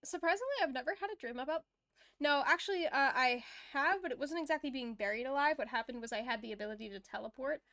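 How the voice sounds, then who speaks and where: A woman with a bright, high voice gives casual running commentary on a game she is playing. She reacts with quick, chatty jokes and asides as she goes. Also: no room sound, clean studio sound. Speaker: game player. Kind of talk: casual let's-play commentary.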